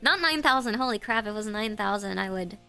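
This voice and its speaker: An American woman with a stuffy, congested voice chats casually with her stream audience, giggling and tripping over her words. Her mid-range voice is animated, a little fast, pushed and bright, with a clean tone. Faint music plays behind her.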